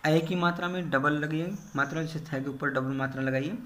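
A man's voice: on the high side, steady tone, fairly quick, fairly bright tone, a little hiss or hum. A male teacher giving a grammar lesson, explaining step by step and repeating key terms in English. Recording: echoey room.

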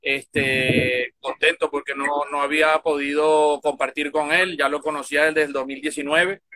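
A man representing a baseball club answers casual interview questions outdoors by a field, recorded on a phone. He sounds hesitant and uses lots of fillers, with a fairly high, pushed, bright voice, mostly even intonation, and a moderate pace. There is slight background noise.

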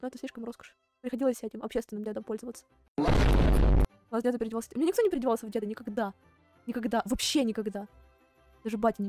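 A young woman streaming a game, reading it aloud and commenting in a casual, joking, expressive way. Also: fairly high pitch. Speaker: vtuber streamer. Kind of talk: casual let's play commentary, reading a visual novel aloud. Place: dry close-miked room, game music behind.

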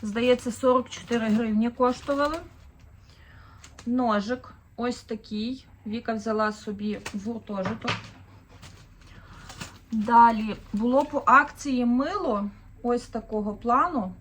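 A Ukrainian woman in her thirties, a vlogger and mother of four, chats casually through a shopping haul, thinking aloud with plenty of fillers. Her voice is fairly high, with slight noise in the background.

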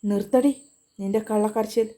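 A woman's voice: mid-range voice, steady tone, moderate pace, lightly acted. A woman voicing a furious older brother who scolds and orders his sister about. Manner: scolding, shouting commands.

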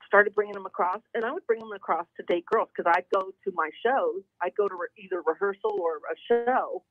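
A middle-aged woman from the San Diego area, calling in to a radio show and telling a story in a lively, chatty way. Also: a little fast. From San Diego area, California. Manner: lively, chatty, quotes people with big pitch jumps. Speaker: guest caller. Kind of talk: casual storytelling on a radio call-in. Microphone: telephone. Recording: tinny phone line, dry.

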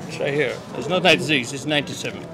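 Hombre iraquí de habla entrecortada. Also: male voice, medium pitch, music in the background. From Iraq. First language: Arabic. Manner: halting, repeats words, pleading. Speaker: passer-by in a debate. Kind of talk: heated street debate. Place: outdoor park plaza. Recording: crowd chatter outdoors.

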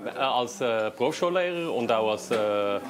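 A Swiss German man in his thirties speaks as a restaurant host, hesitant and full of fillers. His voice sits in an ordinary middle pitch on a lapel mic. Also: lively intonation, moderate pace.

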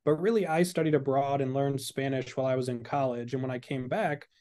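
A man's voice: medium pitch, fairly even intonation, fairly quick, dark tone. A man in his thirties, a law professor, speaking frankly and conversationally on a webinar panel over a video call. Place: indoor room on a video call. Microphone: video call webcam.

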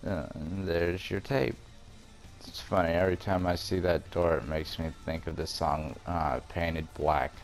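Over soft background music, a male gamer walks through a video game in an easygoing, step-by-step way. He speaks in a low voice with fairly even intonation and takes his time.

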